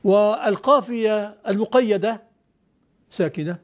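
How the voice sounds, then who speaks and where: High-voiced male teacher quizzing his class. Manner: quizzes students, then explains firmly, reciting verse slowly. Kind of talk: classroom lecture on classical poetry.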